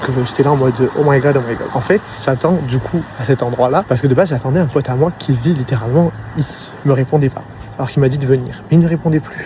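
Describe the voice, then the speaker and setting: Man, young, rambling street storytime, clear traffic noise outside. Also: mid-range voice. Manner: rambling, animated, slangy. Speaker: vlogger. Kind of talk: storytime monologue to camera. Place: outdoors on a city street at night.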